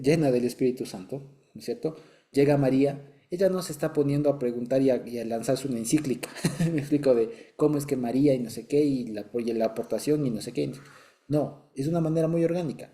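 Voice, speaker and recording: A man teaching a Bible study in a relaxed, conversational way, explaining patiently and often checking that his listeners follow. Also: medium pitch. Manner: constantly checks understanding with short asides; explanatory and patient, with light chuckles.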